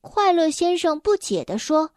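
A young woman reading a children's story aloud, gentle and expressive, speaking directly to the children. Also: very high voice, unhurried, no room sound, clean studio sound.

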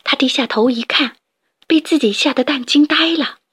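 A woman storyteller reading a children's story aloud in a gentle, expressive way. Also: high voice, moderate pace, no echo, studio quality.

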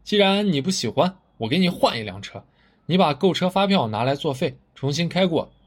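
A blustering middle-aged car dealer who stammers when cornered, his voice jumping high and lively, as a male storyteller acts him out. He is pushy and quick to flare up. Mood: placating.

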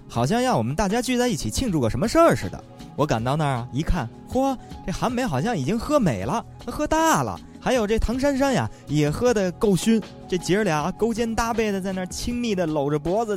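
A man telling a comic story in a lively, playful way. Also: fairly high pitch. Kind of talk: comedic storytelling.

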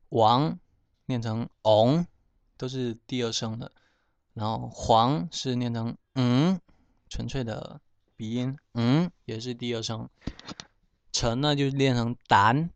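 A man with a Southern Min accent works through a vocabulary lesson at a very slow, unhurried pace, often thinking aloud and hedging. His voice is gravelly yet smooth and resonant. The sound is dry and close. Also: medium pitch, fairly bright tone, no echo. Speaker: language teacher. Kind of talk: casual spoken vocabulary lesson.

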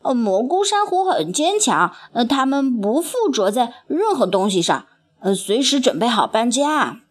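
A woman's voice: a little high, sing-song, unhurried. A woman voicing cartoon undersea crew members who speak hesitantly with filler sounds in a storybook reading. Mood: curious. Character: eager cartoon sea creatures, doctor and scholar.

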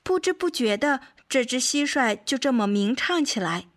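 A woman reading a children's storybook aloud as the host of a children's program, gentle and measured. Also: high-pitched, animated. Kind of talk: scripted storybook narration. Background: faint music.

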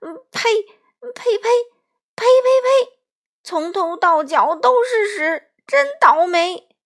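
A man's voice: very high-pitched, expressive, normal speed, voice pushed up. Woman doing a stout greedy thief. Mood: disgusted. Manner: greedy, fussy.

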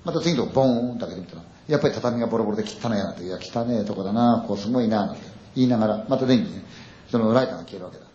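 A man's voice: fairly low pitch, racing, mellow, slight background noise. An older man performing a spoken ghost story, acting out frightened friends' dialogue with lots of sound words. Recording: echoey dull audio.

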